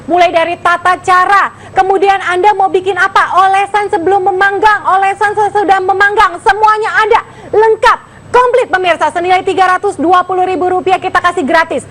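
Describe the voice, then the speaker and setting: A woman hosting a live infomercial, gushing excitedly as she pitches straight to the viewers. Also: fairly quick. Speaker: home shopping host.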